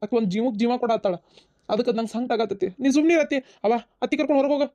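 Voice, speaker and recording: A woman's voice: a little high, racing, dark tone, dry recording, close to an everyday voice. A woman voicing a tearful young husband who is devoted to his wife, in a cartoon, with a North Karnataka accent and an earnest, emotional way of talking. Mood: indignant. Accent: North Karnataka Kannada. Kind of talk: cartoon voice acting. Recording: dull lo-fi sound.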